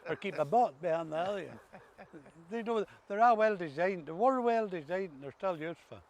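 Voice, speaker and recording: A man's voice: sits high, expressive, brisk. A man with an Ulster Scots accent from Northern Ireland, chatting casually as a co-host in a droll, folksy way. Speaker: co-host discussing dialect words. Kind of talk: casual humorous chat.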